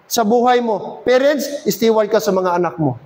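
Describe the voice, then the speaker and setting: High-voiced Filipino preacher. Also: male voice, poor audio. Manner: preaching in a mix of English and Filipino, asking the congregation "Amen?"; slows down to stress key points, calls out loudly at times. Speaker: pastor. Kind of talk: sermon. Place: church service.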